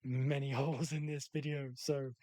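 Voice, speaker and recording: A man's voice: medium pitch, level tone, moderate pace, warm tone. A man hosting a comedic video essay on games, sarcastic and sweary, mixing scripted commentary with rambling asides.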